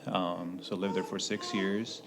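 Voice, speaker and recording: A man, a missionary answering interview questions hesitantly with many pauses and restarts. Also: low-pitched, little pitch movement, noisy background. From Sweden. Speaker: missionary pilot.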